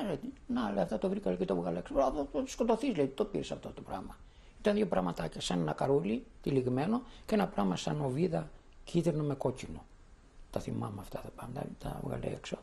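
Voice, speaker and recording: Older man with a gravelly voice. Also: on the high side, dark tone. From Thessaloniki, Greece. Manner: vivid storyteller acting out quoted voices. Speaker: interviewee giving testimony. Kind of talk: spoken memoir testimony.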